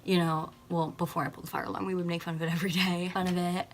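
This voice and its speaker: A woman's voice: lowish voice, flat delivery, very fast, a little hiss or hum. A teenage girl telling a storytime on her vlog, rambling and full of "like" and slang. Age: teens. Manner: rambling, heavy use of "like", slangy. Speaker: vlogger. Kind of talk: casual storytime.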